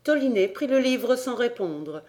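A woman narrating an audiobook in a steady storytelling manner. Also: a little high, unhurried. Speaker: audiobook reader.

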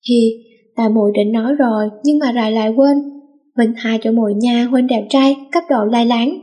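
A woman voicing a pampered, quick-tempered teenage girl in a read-aloud story. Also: a little high, steady tone, mellow, lightly acted. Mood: petulant.

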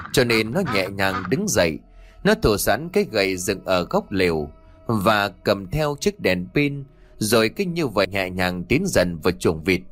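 Male storyteller, ghost story narration, lively animated pitch, soft music behind.

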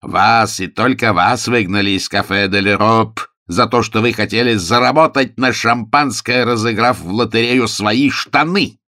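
A man voicing a brash, forceful aristocrat who talks loudly and theatrically in an audiobook. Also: fairly low pitch, moderate pace, hardly any pauses, no echo, clean studio sound, voice pushed up. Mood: grandly threatening. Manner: loud commanding theatrical.

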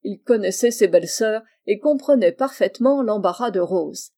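A woman reading a children's novel aloud in a calm, measured storytelling way. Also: medium pitch. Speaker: audiobook reader. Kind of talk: storybook narration.

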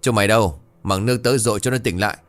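A man's voice: lowish voice, very fast, fairly bright tone, faint music behind, lightly acted. A man voicing a cruel, arrogant rich landlord villain, harsh and threatening. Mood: menacing.

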